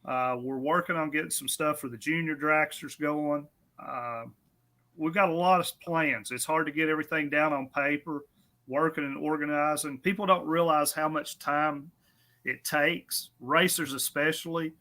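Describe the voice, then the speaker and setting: A man with a voice on the high side and fairly even intonation talks at a moderate pace in a sharp tone. He's a drag strip guest in a casual on-air interview, describing his racetrack in an easygoing, self-deprecating, friendly manner.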